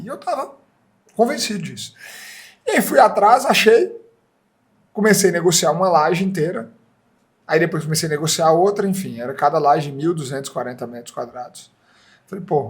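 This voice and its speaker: A man with a Brazilian Portuguese accent, an entrepreneur telling a story in a casual interview and acting out the dialogue. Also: fairly high pitch. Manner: animated, acts out dialogue in quoted voices. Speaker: franchise entrepreneur guest.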